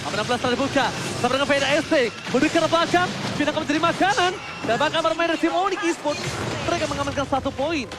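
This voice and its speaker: High-pitched man announcing like a fighting game. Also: fast talker. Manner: shouts out plays, drawing out key words. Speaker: esports play-by-play commentator. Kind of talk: excited fighting game announcer style commentary. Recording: loud game noise behind commentary.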